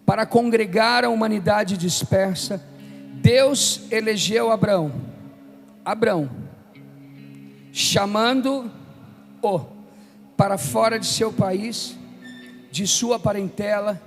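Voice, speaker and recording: This high-voiced Brazilian preacher, a man in his fifties, speaks with some vocal fry as he declaims emphatically, pausing deliberately. Scripture reading and call-and-response fill his sermon at a live event in a large hall, where long reverb and music sit beneath him.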